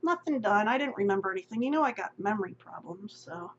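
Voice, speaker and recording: A woman's voice: medium pitch, animated, fast. A middle-aged woman vlogging in a rambling, self-deprecating casual chat, often laughing. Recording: dull lo-fi audio with faint hum.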